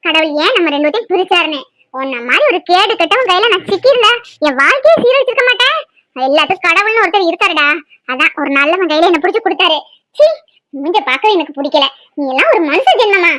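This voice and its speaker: A woman's voice: extremely high pitch, sing-song, fast, pushed and bright, no echo, exaggerated voice. A woman voicing a frightened young wife in a cartoon, pleading and scolding by turns. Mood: angry. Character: frightened young wife, tearful and sharp-tongued. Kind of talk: cartoon voice acting.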